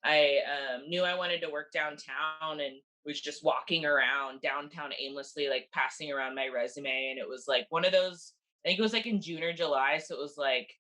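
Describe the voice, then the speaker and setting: A woman hair stylist telling her story casually in an interview, chatty and relaxed with fillers. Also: deep voice, normal speed, hardly any pauses. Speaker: hair stylist, salon owner.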